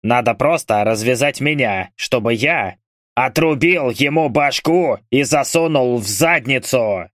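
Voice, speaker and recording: A man voicing a furious male berserker who shouts threats. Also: mid-range voice, animated, unhurried, hardly any pauses, dry recording, clean studio sound. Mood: raging.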